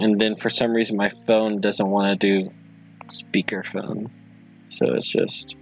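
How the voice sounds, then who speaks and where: A man hosting a livestream, chatting casually with viewers in a halting, apologetic, rambling way. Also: mid-range voice, vocal fry, a little mellow. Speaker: livestream host.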